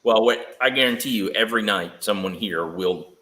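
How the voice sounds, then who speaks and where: Man, low-pitched, bright tone, casual rambling chat, roomy echo. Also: moderate pace. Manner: rambling, hedging with fillers. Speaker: guest on automotive chat.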